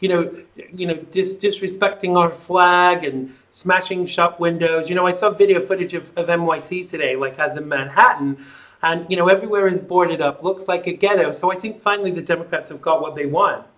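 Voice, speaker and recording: A man with a fairly high, forceful voice hosts a live call-in show. He speaks conversationally and gives his opinions with a sardonic edge. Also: a little fast.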